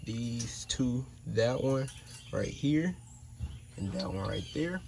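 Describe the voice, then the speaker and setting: A DIY vlogger with a creaky, medium-pitched voice takes his time narrating as he works on a truck outside. His casual how-to talk points things out, and the phone footage is noisy.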